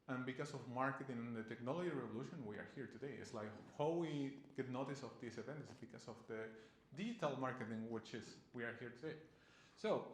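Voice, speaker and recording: A man from Chile, giving an earnest conference presentation in loose, restarting phrasing. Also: mid-range voice. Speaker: conference speaker. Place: conference room. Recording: echoey conference room.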